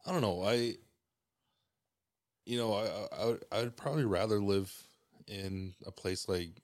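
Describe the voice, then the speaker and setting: Low-voiced man from Mexico, rambling. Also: unhurried, dry recording, studio quality. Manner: relaxed, rambling, many fillers and restarts. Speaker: guest. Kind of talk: casual podcast chat.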